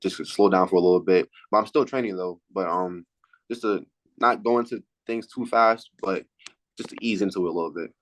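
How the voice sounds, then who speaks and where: Low-voiced, halting teenage male athlete. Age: late teens, high school senior. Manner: halting, repeats words as he thinks. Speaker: athlete interviewee. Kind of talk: casual sports interview answers.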